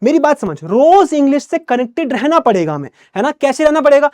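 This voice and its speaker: High-voiced young male tutor, upbeat. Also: big pitch swings, a little fast, darkish tone, no room sound, clean studio sound. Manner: friendly big-brother tone, keeps asking "है ना?". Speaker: English teacher. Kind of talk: energetic motivational online class.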